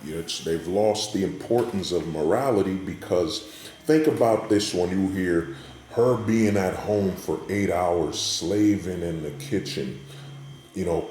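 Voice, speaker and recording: A man's voice: low-pitched, unhurried, darkish tone. A man giving an unscripted, opinionated monologue in an emphatic way, often checking in with the listener, recorded in a hallway. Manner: emphatic, repetitive rhetorical check-ins with the listener. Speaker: vlogger giving commentary. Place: indoors in a hallway. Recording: echoey hallway, faint background noise.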